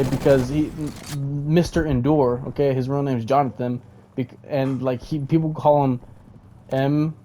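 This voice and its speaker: A man's voice: medium pitch, dark tone, a little hiss or hum. A man giving casual rambling commentary, stammering and restarting, often checking in with "okay?". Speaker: commentary vlogger.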